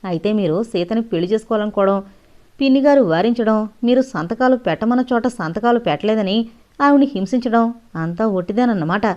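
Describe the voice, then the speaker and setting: A woman's voice: fairly high pitch, expressive, brisk, darkish tone, pitched above the performer's own voice, close to an everyday voice. A woman reading a defiant, sarcastic young woman. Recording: dull lo-fi audio.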